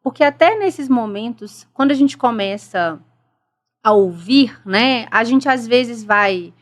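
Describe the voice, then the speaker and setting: Slow and expressive, her voice on the high side, a middle-aged woman with a Brazilian Portuguese accent reflects earnestly as a podcast guest. A school director, she underlines respect and dialogue in this casual interview.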